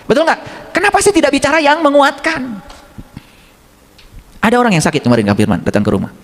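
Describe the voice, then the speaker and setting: A man's voice: very high voice, fast. A middle-aged man giving an informal sermon as a religious teacher. He keeps asking the congregation questions and acts out little dialogues. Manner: animated, asks the audience questions and acts out dialogues. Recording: long hall reverb.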